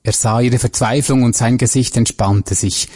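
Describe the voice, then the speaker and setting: A man narrates a crime story at a measured, even pace. His voice is dark and mellow, with a husky edge. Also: mid-range voice.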